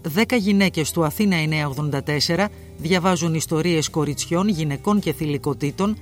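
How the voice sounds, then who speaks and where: A man giving a formal, scripted radio introduction. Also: fairly high pitch. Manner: formal announcing. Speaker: radio announcer. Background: soft music.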